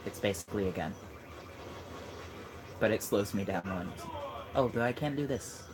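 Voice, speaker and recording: Low-voiced man teasingly coaching a friend. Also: brisk. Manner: teasing, joking, giving tips. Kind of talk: casual let's-play chat. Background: game music.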